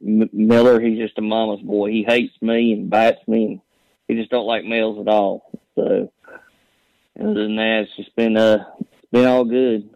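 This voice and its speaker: A phone-in caller with a Southern Appalachian accent chats casually, drawling and telling stories in a folksy way. His voice is fairly low and a little mellow, with no echo, heard over a dull, band-limited phone line.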